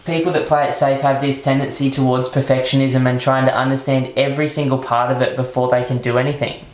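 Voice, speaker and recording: A man's voice: mid-range voice, level tone, fast talker. A man who hosts a podcast and speaks bluntly in casual conversation, sometimes swearing. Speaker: podcast host. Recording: roomy echo.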